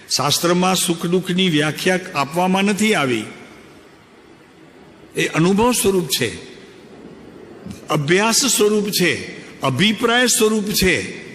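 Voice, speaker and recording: A man's voice: fairly high pitch, fairly bright tone. Older man giving a discourse in a hall. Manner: conversational and anecdotal, questioning the listeners. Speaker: spiritual teacher. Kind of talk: spiritual discourse. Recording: long hall reverb.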